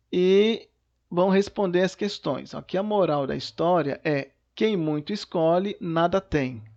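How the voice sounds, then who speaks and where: A man's voice: on the high side, creaky, dull audio. A male teacher recording a lesson at home, patiently explaining worksheet questions and often checking in with "né" and "tá". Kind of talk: recorded remote class lesson.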